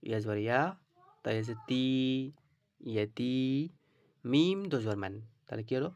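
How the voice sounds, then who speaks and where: A man's voice: medium pitch, moderate pace, a little mellow, dry recording, clean studio sound. A man teaching Quran reading, spelling out syllables one by one and drawing out the recited words, often checking with "right?". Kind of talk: slow spelled-out recitation lesson.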